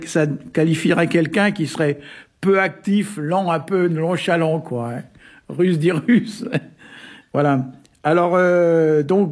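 A man from Brittany explaining word meanings in a relaxed, hesitant way, full of little fillers and chuckles. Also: on the high side, husky. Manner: hesitant, many "euh" and "hein" fillers, chuckles often. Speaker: Breton language expert on a radio show. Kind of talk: casual explanatory chat.

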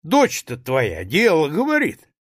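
A man voicing a jovial, sententious older uncle who speaks loudly and slowly. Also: a little high, huge pitch swings, breathy edge, pitched above the performer's own voice, exaggerated voice.

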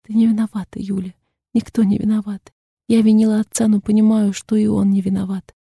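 A woman voicing a grieving, furious young daughter in an audiobook, with shrill, defiant outbursts. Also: little pitch movement, fairly quick, gravelly, dark tone, husky, no echo, clean studio sound. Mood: weary, tearful.

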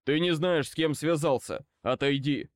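A man's voice: fairly high pitch, expressive, unhurried, no echo, clean studio sound. A man reading an audiobook, voicing a stern, furious old male wizard who growls harsh commands. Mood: angry gruff.

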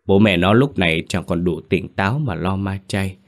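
Man, low voice, horror story narration, grave, tense. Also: normal speed.

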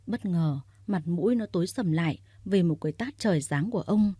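A woman reading a story aloud in a steady, even narrating voice. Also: on the low side, brisk, breathy edge, no echo, studio quality.

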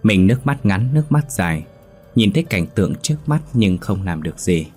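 A man narrating a horror story in a steady, grave tone. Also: fairly low pitch, fairly quick, slightly rough, faint music behind.

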